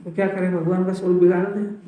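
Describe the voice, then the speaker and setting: A man delivers a scripture discourse in a conversational teaching manner, pressing his listeners with one rhetorical question after another. His voice sits high for a man. He is picked up from a distance, with heavy room echo around him. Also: little pitch movement, fast talker, warm tone. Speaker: Jain scholar giving a discourse. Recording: echoey hall, speaker far from mic.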